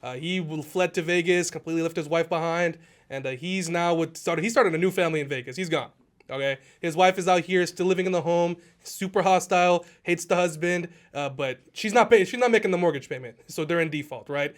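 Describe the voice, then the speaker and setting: A man with a high voice tells stories from his real estate work at a rapid clip. He speaks in a lively, casual way, acting out the people in his stories. He sounds like a guest on a podcast. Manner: animated, laughing, acts out quoted people. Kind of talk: casual storytelling.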